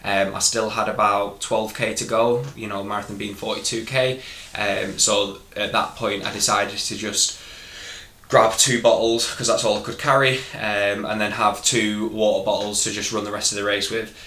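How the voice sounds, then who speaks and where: A man's voice: fairly low pitch, little pitch movement, moderate pace, sharp tone. A man with a Northern English accent recounting things casually to camera as a vlogger, candid and a little hesitant, in a roomy echoing recording. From northern England.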